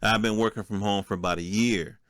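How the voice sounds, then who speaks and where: A middle-aged American man hosts a podcast solo, offering informal commentary with offhand asides and checking in with listeners through rhetorical questions. His fairly low, somewhat bright voice is fairly even and fairly quick, in a dry, clean studio recording.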